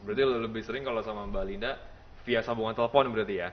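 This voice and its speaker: A man's voice: lowish voice, fairly even intonation, very fast, dull audio, slight background noise. A man interviewing a guest, often humming along in agreement. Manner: frequent soft hums and agreeing backchannels. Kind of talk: conversational interview.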